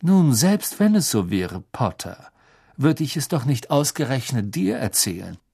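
A man reading an audiobook, voicing a sneering, arrogant teenage wizard boy with a drawn-out, taunting delivery. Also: medium pitch, sing-song, dark tone, breathy edge, heavily acted.

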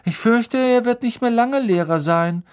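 A man's voice: unhurried, smooth. A man voicing a spoiled, smug schoolboy with a whiny, mocking drawl in an audiobook. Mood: smug, sneering. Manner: nasal drawl, shrill and mocking.

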